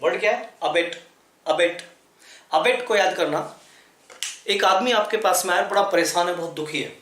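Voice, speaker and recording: A man's voice: sits high, moderate pace, a bit bright, reverberant. A man teaching English vocabulary in a lesson, repeating words, spelling them letter by letter and asking rhetorical questions. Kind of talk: explanatory classroom lesson.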